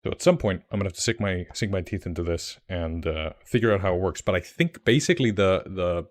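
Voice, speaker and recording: Speaking briskly in a very low voice, a young Icelander talks in his second language, English, during a casual livestream. His warm, rambling delivery is dotted with fillers and restarts, and he lights up about the things he shows.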